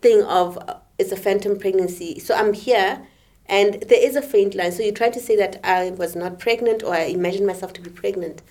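A young woman co-hosting a podcast from South Africa, speaking in a measured, reflective way in short halting phrases. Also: medium pitch, a little mellow. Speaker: podcast co-host. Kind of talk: candid conversation.

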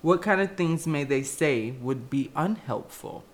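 Slow, low-voiced woman co-host. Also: lively intonation. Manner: blunt, profane and laughing. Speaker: podcast co-host. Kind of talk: casual podcast chat.

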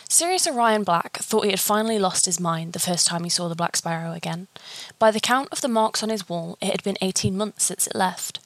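A woman reading a fan fiction story aloud, steady and even. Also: mid-range voice, fairly quick, dry recording.

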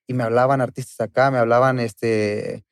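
Male interview guest, mid-pitched, casual and slangy, close dry recording. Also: little pitch movement, moderate pace, clear, resonant tone, no room sound. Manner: slangy street talk. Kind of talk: casual chat.

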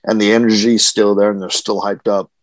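Male podcast regular, low voice, dry close mic, easygoing and jokey. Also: brisk, dry recording. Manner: relaxed, joking. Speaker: podcast co-host. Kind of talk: casual chat.

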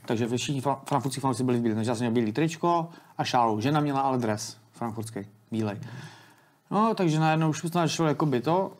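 A man's voice: mid-range voice, lively intonation. A man in his thirties, an interview guest, telling a long story in casual, rambling speech with many restarts. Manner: rambling, colloquial, frequent restarts.

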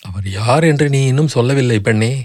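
A man voicing a composed royal princess who speaks in measured, soothing tones. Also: mid-range voice, no room sound, clean studio sound, close to an everyday voice. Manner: soothing, measured, sometimes hushed. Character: composed royal elder princess, kindly but wary.

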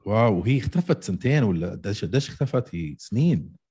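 Deep husky Levantine Arabic-accented man. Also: very animated, quick pace, mellow. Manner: emphatic, repeats phrases. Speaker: co-host of an MMA podcast. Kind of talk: casual sports chat.

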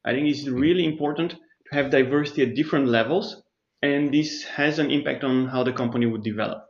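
A man from Bulgaria, a startup chief, lays out his answers in a careful, explanatory way, pausing and restarting as he thinks. His voice sits at a middling pitch. The recording is slightly dull and lo-fi. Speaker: startup CEO, guest. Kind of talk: conversational interview answers.

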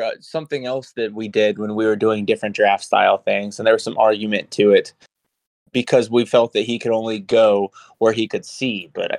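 A man's voice: medium pitch, gravelly, no echo. Playful man with a dry sound. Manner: playful, laughs often. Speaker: podcast co-host. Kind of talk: casual chat.

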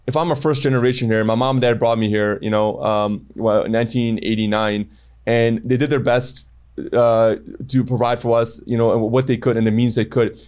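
A man's voice: medium pitch, steady tone, moderate pace, a little mellow, clear, resonant tone. A man talking as a guest on a podcast, rambling with many fillers and restarts. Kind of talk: casual interview talk.

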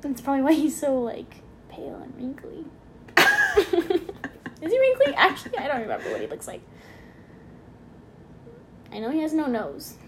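A woman's voice: high voice, huge pitch swings, normal speed, pauses often, background noise. A young woman co-hosting a casual podcast chat at home, giggling often as she talks. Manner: giggly, laughs often between lines. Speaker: podcast co-host. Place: home kitchen.

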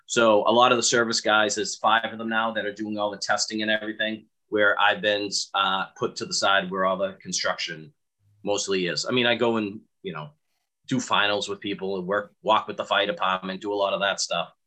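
A sprinkler fitter with a thick Boston accent guests on a podcast, chatting bluntly and telling stories about work while quoting himself. His fairly low voice is flat in delivery, brisk, and pushed and bright.

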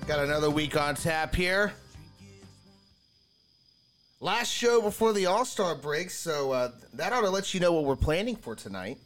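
A man's voice: on the high side, animated, unhurried, long pauses, fairly bright tone, faint music behind. A man hosting a sports podcast with casual, laid-back, folksy chat.

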